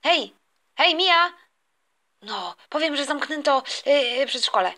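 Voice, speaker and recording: A woman's voice: high-pitched, animated, slow, bright, forceful tone, full character voice. A woman voicing a whiny, scheming young boy who doesn't want to go to kindergarten, in a toy play story. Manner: whining, complaining, stammering.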